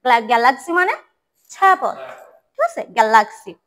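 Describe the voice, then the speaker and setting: A woman's voice: fairly high pitch, very animated, brisk, a bit bright, low-quality recording. A woman teaching English pronunciation in a classroom, repeating words and correcting students.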